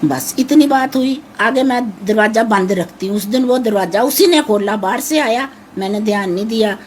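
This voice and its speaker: In an emotional interview, an older woman with a naturally harsh-sounding, fairly high, slightly mellow voice speaks at a moderate pace about her missing son. Anxious and pleading, she says things more than once, and a slight hiss or hum can be heard.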